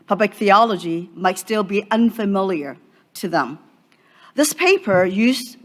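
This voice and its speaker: A woman from Hong Kong presenting an academic paper at a conference in a measured, formal way. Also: mid-range voice. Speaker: conference speaker. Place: conference session room.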